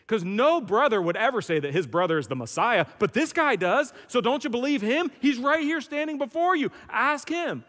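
A man's voice: extremely high pitch, sing-song, moderate pace, few pauses, a bit bright, pitched above the performer's own voice, heavily acted. A man voicing the apostle Paul as an insistent man calling witnesses forward, in a reverberant church hall. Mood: urgent, challenging. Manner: urgent, calling out and challenging.

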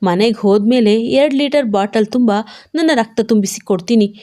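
Woman voicing Rush, a gruff teasing husband. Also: on the high side, normal speed, mellow, lightly acted. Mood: scolding. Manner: mocking, scolding banter.

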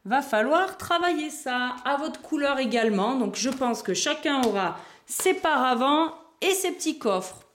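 A woman's voice: high-pitched, expressive, a little slow, a little hiss or hum. A woman hosting a board game unboxing video, chatting casually and thinking aloud as she handles the pieces. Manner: chatty, thinks aloud while handling items, small laughs.

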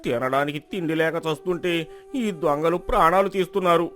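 An actor playing an older village elder who speaks in a slow, resigned way. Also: male voice, on the high side, a bit bright, natural voice. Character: weary old village elder, resigned and gloomy. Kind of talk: storybook drama acting.

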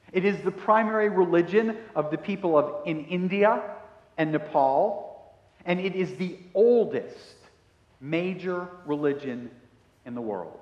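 A man in his fifties, a pastor preaching a sermon on a headset mic, slow and emphatic, asking the congregation questions. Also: high voice, highs cut off. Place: church sanctuary in front of a brick wall. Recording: roomy hall echo.

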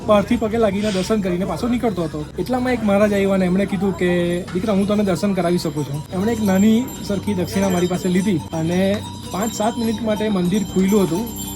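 A man earnestly recounts a personal pilgrimage memory to the camera, reflective and gently emotional, speaking outdoors at a mountain site. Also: high voice, fast, over music. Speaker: pilgrim telling a personal story. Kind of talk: heartfelt personal storytelling to camera.

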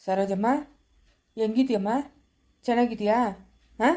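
A woman's voice: a little high, fairly even intonation, a little slow, mellow, close to an everyday voice. A woman playing a firm, protective village grandmother in a family skit, with a rural Chikkaballapura Kannada accent and a questioning manner.

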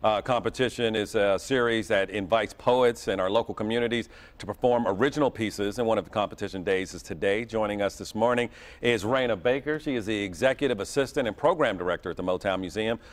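A man's voice: fairly low pitch, quick pace. A middle-aged man anchoring a morning TV news segment, interviewing guests in a studio in an upbeat, conversational way. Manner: upbeat, conversational, playful questions.

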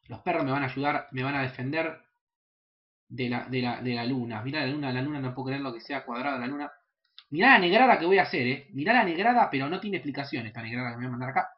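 A young man with a Rioplatense Spanish accent giving casual, excitable, profanity-laden commentary while playing a video game, sometimes breaking into high yelps. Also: muffled recording. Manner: excitable, swears often, jumps into high yelps. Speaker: gaming channel host. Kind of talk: casual let's play commentary.

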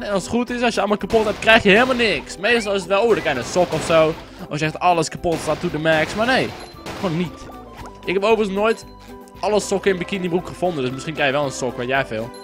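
A young man giving rambling, casual let's-play commentary, chatting with lots of fillers and crude asides. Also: fairly high pitch. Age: young adult. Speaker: gameplay commentator. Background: game music.

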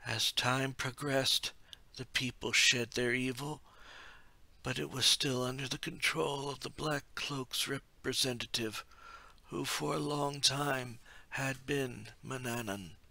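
A man voicing an ethereal, wise male oracle who speaks slowly and solemnly in a storybook reading. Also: medium pitch, fairly even intonation, gravelly, no echo, pitched above the performer's own voice, heavily acted. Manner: slow, hushed and measured.

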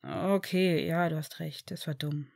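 A woman voicing an injured young man who answers in a quiet, mumbling, hesitant way, read from a fan fiction story. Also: deep voice, very animated, unhurried, vocal fry, no room sound, pitched below the performer's own voice, heavily acted. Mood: subdued.

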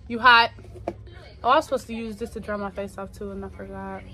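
A young woman from Tennessee talks casually to her viewers, rambling through a story in relaxed, slangy speech. Her voice sits in an ordinary middle pitch. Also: fast. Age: 20s. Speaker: vlogger. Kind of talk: casual chat.

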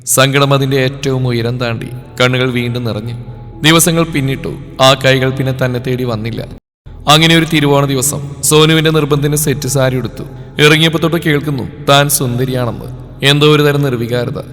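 A man reading a romance story aloud as a storyteller, in an emotive, dramatic way with short pauses between sentences. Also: mid-range voice, steady tone. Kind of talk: scripted romance story narration. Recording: long reverb over soft background music.

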